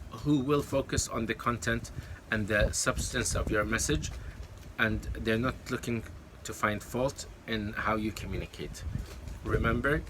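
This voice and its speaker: A YouTube creator from Kuwait, a man whose first language is Arabic, speaks to camera in a medium-pitched voice with background noise. He gives casual, encouraging advice full of fillers and self-corrections.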